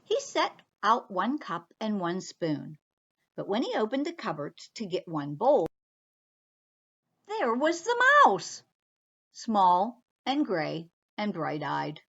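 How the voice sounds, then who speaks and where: Lady reading a storybook to kids, slow and sing-song, muffled lo-fi recording. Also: on the low side, creaky. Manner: expressive, speaks to children directly. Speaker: children's librarian reading aloud. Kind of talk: picture-book storytime reading.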